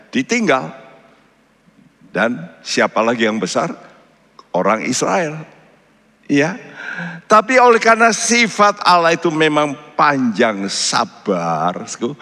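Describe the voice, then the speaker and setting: Male pastor, unhurried emphatic sermon, mid-pitched voice, echoing church hall. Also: a bit bright. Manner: emphatic, with sudden pitch jumps on key words.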